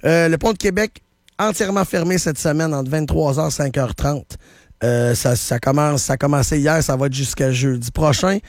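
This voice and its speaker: A man's voice: on the high side, no room sound, clean studio sound. A man with a Quebec French accent, hosting a radio show and commenting on traffic news in a casual, opinionated way with lots of fillers and restarts. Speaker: radio host.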